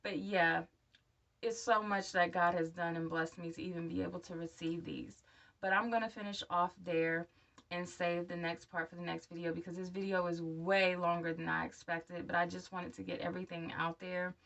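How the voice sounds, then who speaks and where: Speaking directly to her viewers, a woman in her 30s gives an open, encouraging video update about being new to dentures. Her voice is on the low side and slightly bright, and she sounds a bit distant from the microphone.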